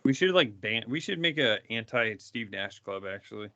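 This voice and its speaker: A man's voice: medium pitch, lively intonation, normal speed, sharp tone, a little hiss or hum. A laid-back man chatting casually on a podcast as a guest, talking in an easy drawl. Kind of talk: casual chat. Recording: dull, dry lo-fi sound.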